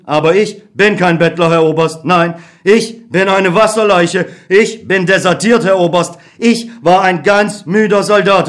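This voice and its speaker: A man reads a worn-out young ex-soldier in a dramatic stage-play reading, his voice pitched high for a man. The soldier speaks with biting, mocking irony and deep weariness. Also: a bit bright. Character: bitter young male ex-soldier, weary and sarcastic.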